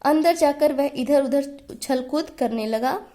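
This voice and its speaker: A woman's voice: sits high, unhurried, warm tone. A woman telling a children's story in a simple, friendly narrating manner.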